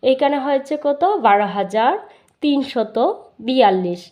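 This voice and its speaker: A woman's voice: sits high, moderate pace, dark tone. A woman with a Bangladeshi Bengali accent teaching a primary school math lesson, explaining step by step and answering her own questions.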